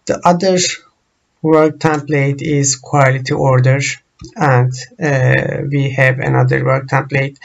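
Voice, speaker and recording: A man whose first language is Turkish, walking through software screens in a slow, halting tutorial full of pauses and fillers. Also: medium pitch, flat delivery, creaky, muffled recording. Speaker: software trainer.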